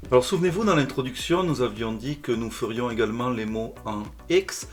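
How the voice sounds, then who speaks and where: A male language teacher calmly explaining a software tutorial step by step. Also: medium pitch, a little fast, soft background music. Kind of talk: screencast tutorial narration.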